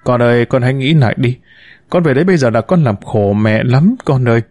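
A man's voice: medium pitch, animated, fairly quick, no echo, studio quality, natural voice. A man voicing a bitter, wounded middle-aged mother who reproaches and laments to her son in an audiobook story. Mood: pleading lament. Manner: reproachful, lamenting, sharp-tongued.

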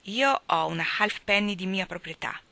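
A woman voicing a rough, boastful country boy who loves rat-catching, talking in a folksy way that repeats his own words. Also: medium pitch, moderate pace, bright, forceful tone.

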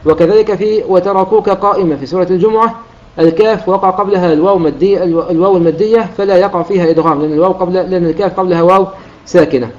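A man teaching the rules of Quran recitation, explaining a classical poem line by line and slowing down to recite the examples. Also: high-pitched, fairly even intonation, darkish tone. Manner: explanatory, quotes verses in a slow chanted delivery. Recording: dull lo-fi recording.

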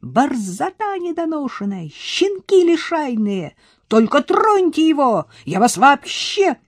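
Audiobook: woman as an impulsive young mother, emphatic, lively pitch. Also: normal speed, slightly rough, no room sound, clean studio sound. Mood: furious.

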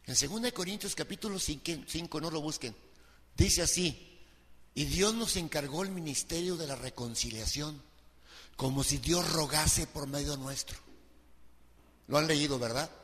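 A man preaching a sermon as pastor, pleading with his listeners, dropping low and quiet and then rising to shouted appeals. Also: normal speed, big-room sound. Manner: impassioned preaching, swinging from soft to shouted pleading.

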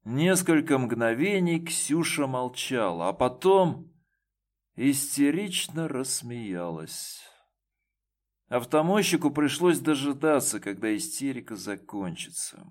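A man with a mid-range voice narrates an audiobook, giving a measured, even reading of scripted narration.

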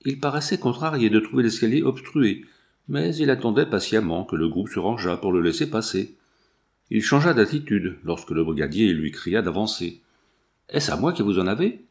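A man narrating a classic novel in an even, measured storytelling voice. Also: fairly low pitch. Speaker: audiobook narrator. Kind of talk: scripted narration.

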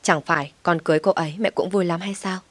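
A woman voicing a calm, patient young husband reasoning with his mother in an audio story. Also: lowish voice, quick pace, no room sound, natural voice.

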